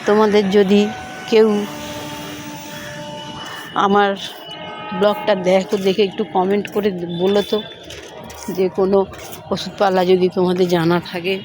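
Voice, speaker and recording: A middle-aged or older home vlogger with grandchildren narrates her day a little slowly, in a level, mid-range voice with long pauses. She chats with viewers like friends, with music in the background on a slightly noisy handheld recording.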